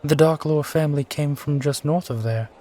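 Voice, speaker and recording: A man's voice: on the high side, moderate pace, dark tone, close to an everyday voice. A man playing a brooding, charming steampunk sky pirate captain and war veteran, talking wistfully and courteously in an immersive roleplay audio. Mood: nostalgic. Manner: wistful, courtly, rambling, given to sighs. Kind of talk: immersive one-sided roleplay audio acting.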